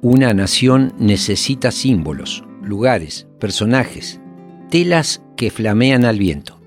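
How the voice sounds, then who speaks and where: A male documentary narrator reads a scripted, reflective piece over a faint music bed, measured and posing rhetorical questions. His voice is lowish and sing-song.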